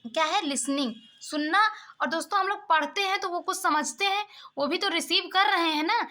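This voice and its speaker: A young woman teaching exam-prep English, reading questions out slowly and then explaining them briskly to her viewers. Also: extremely high pitch, pushed and bright.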